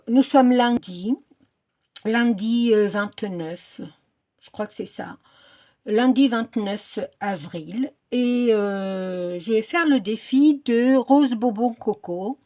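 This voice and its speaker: This middle-aged or older woman of Portuguese descent makes craft videos, talking informally and haltingly as she searches for the right words. She has a mellow, mid-range voice.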